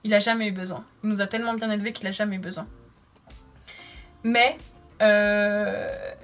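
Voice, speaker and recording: A woman's voice: medium pitch, steady tone, normal speed, faint music behind. A woman in her thirties chatting casually while doing her makeup, reading viewer comments aloud and answering them. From France. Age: 30s. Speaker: makeup vlogger.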